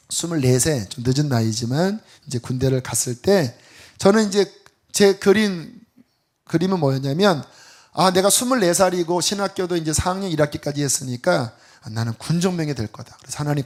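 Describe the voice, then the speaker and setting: A middle-aged man, a pastor, preaching a Friday sermon and telling a personal story with animated, acted-out quotes. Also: high-pitched.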